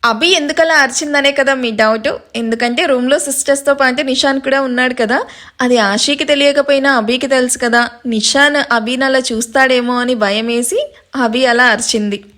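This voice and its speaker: A woman storyteller narrating a romantic story in a lively reading style. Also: high-pitched, moderate pace. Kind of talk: scripted narration.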